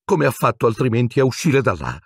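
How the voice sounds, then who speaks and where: A shrill, squeaky, cowering wizard. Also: male voice, very animated, a little fast, vocal fry, breathy edge, dry recording, studio quality, full character voice. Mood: pleading. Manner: stammering, pleading, breathless. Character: cowering rat-like wizard man, shrill and panicky.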